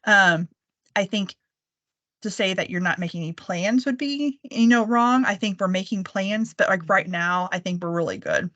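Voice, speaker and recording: A woman's voice: medium pitch, normal speed, a bit bright, no echo, highs cut off. Woman, event organizer, chatty and casual, dry close sound on a video call. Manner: casual, chatty, many fillers. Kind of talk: webinar conversation.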